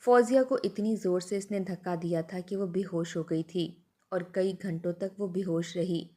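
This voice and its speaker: A woman narrates a sad family story in a scripted, earnest manner, leaning into the drama. Her voice is mellow and warm, without brightness. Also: on the low side, steady tone.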